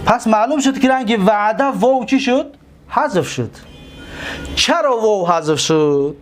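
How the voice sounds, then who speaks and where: High-pitched man teaching grammar slowly. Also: animated, faint music behind. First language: Tajik. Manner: patient, repeats words slowly, asks and answers own questions. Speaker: Arabic morphology teacher. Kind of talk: classroom grammar lesson.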